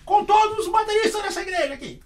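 A woman's voice: extremely high pitch, expressive, fast talker, distant mic, voice pushed up. A man playing a stern older woman church pastor who scolds the drummers in a commanding way. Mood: scolding.

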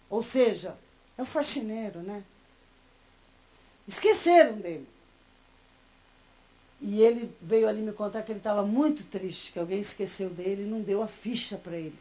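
In a low-quality recording, a middle-aged Brazilian missionary preacher with a fairly high voice and a Brazilian Portuguese accent delivers a sermon. She tells stories with emotion and animation, turning aside now and then to address the congregation.

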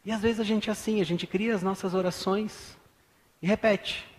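Lively preaching man, high-pitched voice. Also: a little fast. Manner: lively preaching, swings from hushed to loud, acts out dialogue. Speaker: pastor. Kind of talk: sermon. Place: church.

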